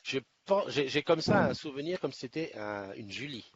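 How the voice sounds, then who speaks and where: A man's voice: medium pitch, expressive, normal speed, crowd noise. Chatty rambling man hosting a livestream. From Nice, France. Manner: rambling, chatty, many restarts. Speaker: livestream host. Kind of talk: casual live chat. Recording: slightly dull sound, faint background noise.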